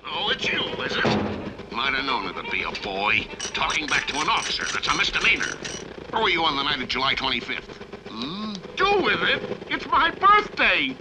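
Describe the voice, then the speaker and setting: A pompous, grumpy cartoon police officer who blusters and snaps in a high voice that leaps around. The cartoon audio is loud and noisy. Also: male voice, huge pitch swings, normal speed. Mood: indignant. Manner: indignant, blustering.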